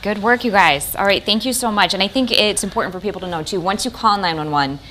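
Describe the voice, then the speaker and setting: A woman's voice: medium pitch, fast talker, fairly bright tone, slight background noise. An American woman working as a TV presenter, speaking in a broadcast interview style.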